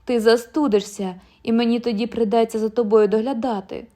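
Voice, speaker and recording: A woman's voice: a little high, fairly even intonation, a little fast, mellow, lightly acted. A woman voicing an anxious wife who urges her husband to leave and pleads with him. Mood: eager. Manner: urgent, pleading.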